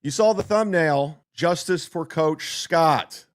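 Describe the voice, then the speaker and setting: A man's voice: on the high side, slow pace. A man hosting a podcast, ranting in a heated, profane and mocking way. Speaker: podcast host. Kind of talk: casual ranting monologue.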